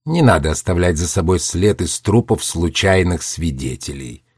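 A man's voice: low-pitched, lively intonation, normal speed, slightly rough, no room sound, pitched below the performer's own voice. A man reading a story aloud and voicing a cold, calculating warlock who gives orders with dry irony. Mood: commanding. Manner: commanding, dryly ironic.

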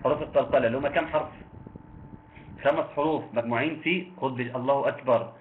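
A man with an Egyptian accent teaching Quran recitation, quizzing listeners and slowly chanting verses. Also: mid-range voice. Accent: Egyptian Arabic. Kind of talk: online tajweed lesson. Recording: tinny phone-like line with faint noise.

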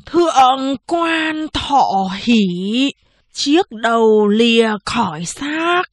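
A woman's voice: lively intonation, drawn-out words, dry recording, studio quality, exaggerated voice. A woman voicing a stammering female corpse-collector in an audiobook. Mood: grave. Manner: stammering, low voice.

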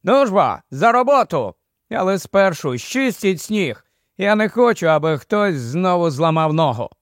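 A man doing a brisk commanding leader. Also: high voice, very animated, no room sound, clean studio sound. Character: brisk take-charge male expedition leader.

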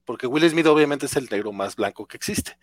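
A man's voice: medium pitch, animated, brisk. Stammering man, analytical chat. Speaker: podcast co-host. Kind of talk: casual chat.

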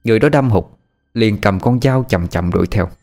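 A man narrates a horror story at a steady, dramatic pace. His voice sits on the low side, and soft background music runs under the telling. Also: fairly quick.

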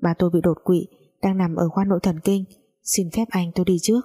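A woman voicing a gentle, honest young wife who speaks politely and softly, in a storybook reading. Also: fairly low pitch, level tone, fairly quick, breathy edge. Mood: calm. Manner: soft-spoken, polite.

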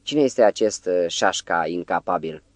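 Man voicing a calm doctor, measured questions, deep voice, dry close sound, storybook reading. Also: no echo. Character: calm, composed male psychiatrist.

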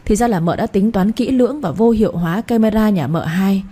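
Mellow breathy woman narrator. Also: medium pitch, a little fast. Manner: even, storytelling. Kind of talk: audio story narration.

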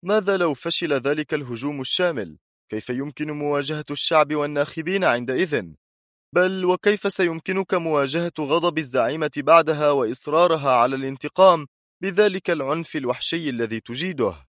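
A cold, commanding spymaster, voiced by a male audiobook narrator, talks in short, steely sentences. The voice sits higher and louder than the narrator's own, in a dry, close sound. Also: brisk, no room sound, close to an everyday voice. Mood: stern. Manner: firm, curt, steely. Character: stern, cold, commanding male intelligence chief. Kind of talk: audiobook character voice.

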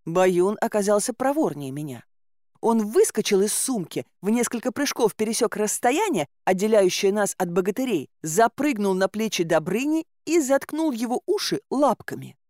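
A woman narrates a fairy-tale fantasy in a lively, theatrical way with a wry edge. Her pitch sits in the middle range. The recording is dry, with no room sound. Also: normal speed, no echo. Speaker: audiobook narrator. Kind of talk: expressive audiobook narration.

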